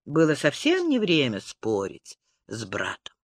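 A man narrates a romance audiobook in a low, measured storytelling voice. His pitch stays expressive, and the recording is dry and close, with no room sound. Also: no echo. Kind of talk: scripted narration.

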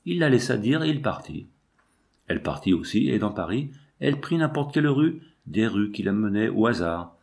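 A man reading a novel aloud in a measured, dramatic narration. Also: lowish voice, big pitch swings, creaky, a little mellow. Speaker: audiobook narrator. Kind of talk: scripted literary narration.

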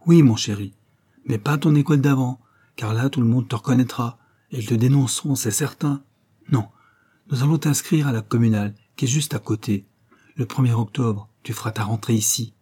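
A man voicing a gentle but firm wife and foster mother in an audiobook, pitched a little higher. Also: fairly quick, breathy edge, close to an everyday voice. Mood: tender firm.

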